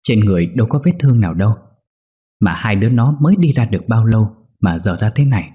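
A man's voice: fairly low pitch, lively intonation, fast, mellow, breathy edge. A man voicing a shocked village husband, questioning in distress. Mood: distraught.

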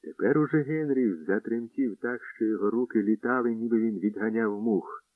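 A man narrating a historical story in measured, scripted storytelling, on a dull lo-fi radio recording. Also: fairly low pitch, dry recording.

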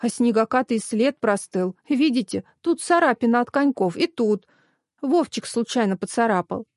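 A tearful, upset mother in a storybook, speaking plaintively in a raised, high voice, as a woman reads her. The sound is dry and close to the mic. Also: lively intonation, normal speed, darkish tone, dry recording. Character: sad worried mother, complaining.

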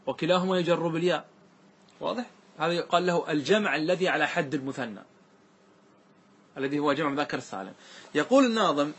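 Man, grammar teacher, slightly high voice, breathy edge, questions the class, stretches out recited verses. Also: fairly bright tone. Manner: questions the class often and repeats key points; recites verse lines slowly and drawn out. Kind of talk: classroom lesson.

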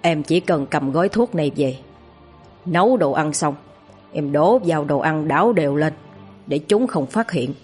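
A woman's voice: low-pitched, lively intonation, normal speed, darkish tone, slightly rough, soft background music. A woman voicing a scheming, smug middle-aged male sorcerer who coaxes in a sinister way. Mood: coaxing. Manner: coaxing, sinister.

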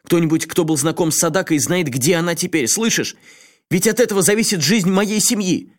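A man's voice: high voice, brisk, pitched above the performer's own voice, close to an everyday voice. A man voicing a frantic male journalist who pleads with a friend in a raised, agitated voice. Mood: desperate.

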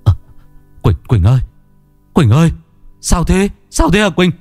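A man voicing a wronged husband in a horror story, with gruff, clipped demands and threats. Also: sits low, very animated, normal speed, darkish tone, no echo, faint music behind. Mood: panicked. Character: wronged husband, restrained then furious, middle-aged.

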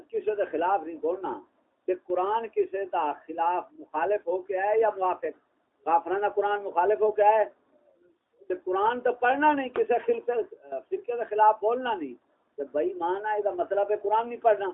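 A man's voice: high-pitched, gravelly. A man preaching an impassioned sermon, firing off rhetorical questions and mocking refrains. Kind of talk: fiery sermon. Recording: tinny phone-like mobile recording.

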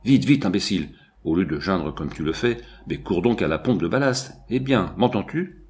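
A man's voice: fairly low pitch, very animated, fairly quick, creaky, mellow. Man doing a stern commanding scientist. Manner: curt, commanding. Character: stern cool-headed male scientist, commanding.

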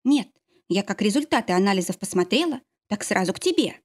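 A woman voicing a young pregnant woman, joyful and tearful, in a high excited voice. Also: a little fast, lightly acted. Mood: tearful happy.

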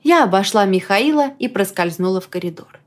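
Woman narrating an audiobook, lively. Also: medium pitch, fairly quick. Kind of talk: scripted first-person narration.

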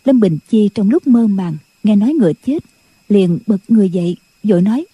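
A woman's voice: medium pitch, a little fast, breathy edge, no room sound. A woman narrating a martial arts novel as an audiobook, telling the story evenly and voicing the characters. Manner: even storytelling delivery with voiced character lines. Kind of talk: scripted narration.

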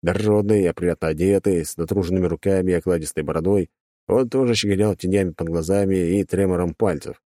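Brief: male audiobook narrator, very low, dark timbre, wry and sardonic delivery. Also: fast talker, no echo, clean studio sound. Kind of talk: scripted first-person narration.

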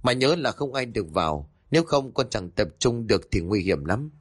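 A man voicing a calm, determined young male exorcist in a spoken ghost story, giving earnest instructions. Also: mid-range voice, normal speed, no echo, clean studio sound.

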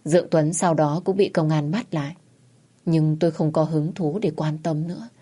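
A woman's voice: deep voice, fairly even intonation, moderate pace, warm tone, breathy edge. A young woman narrating a dramatic first-person story with emotive delivery.

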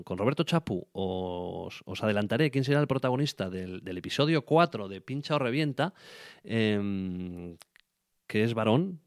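A man's voice: lowish voice, no room sound, studio quality. A man hosting a podcast, chatting casually and rambling with many restarts and fillers. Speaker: podcast host.

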